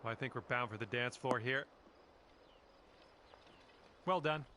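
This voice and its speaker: An actor playing a friendly golf game commentator who speaks calmly and encouragingly to the player in scripted lines. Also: male voice, medium pitch, a little slow, slight background noise.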